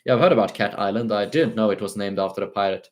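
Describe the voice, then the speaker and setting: A man's voice: lowish voice, fast. Hesitant Swedish man answering viewer questions. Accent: Swedish-tinged British English. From Sweden. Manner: hesitant, many fillers and restarts. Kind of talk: casual livestream Q&A.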